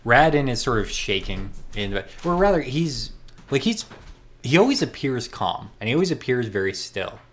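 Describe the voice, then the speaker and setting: A man casually describing characters in a tabletop role-playing game, conversational and animated, slipping into acted quotes. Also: mid-range voice, moderate pace, a little hiss or hum.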